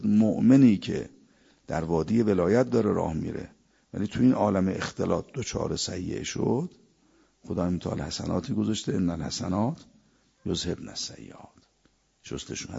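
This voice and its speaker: A man's voice: sits low, vocal fry, dark tone, husky, highs cut off. A man preaching a sermon, quoting verses in Arabic and telling anecdotes. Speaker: cleric.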